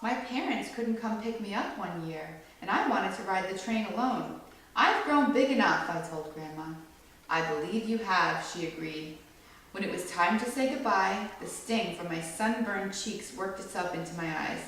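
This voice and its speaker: To children listening in an echoey indoor room, a woman reads a picture book with lively delivery that performs the quoted lines. Her medium-pitched voice keeps a moderate pace, and the far-off mic picks up heavy echo and faint noise.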